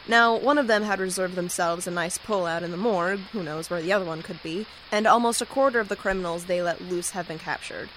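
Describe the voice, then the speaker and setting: A woman playing a wry, weary film-noir detective who narrates in a deadpan voice. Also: fairly low pitch, a little fast, hardly any pauses, background noise, close to an everyday voice.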